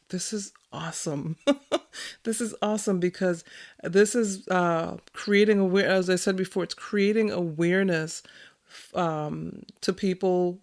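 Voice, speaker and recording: A woman hosting her own podcast, talking excitedly and chattily, laughing often, with many fillers. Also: low voice, clear, resonant tone. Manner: many fillers, reads from notes. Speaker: podcast host. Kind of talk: solo podcast monologue.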